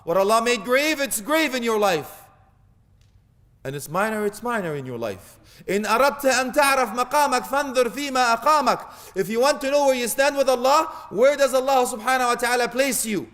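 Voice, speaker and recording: A man with a notably high voice delivers a sermon, mixing humor and acted-out scenes with Arabic phrases. His voice rings out with a long reverb, as if filling a large hall. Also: lively intonation, racing, fairly bright tone. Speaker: preacher. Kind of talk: animated Islamic sermon.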